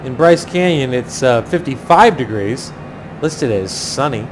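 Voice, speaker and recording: A man giving a casual flight commentary, chatty and thinking aloud in pilot jargon. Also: measured pace. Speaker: flight simulator pilot and host. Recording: clearly noisy, steady low engine-like rumble.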